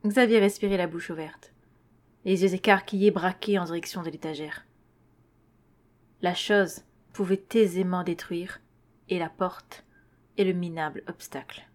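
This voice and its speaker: A woman narrating a tense horror story in a measured reading voice. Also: lowish voice, steady tone.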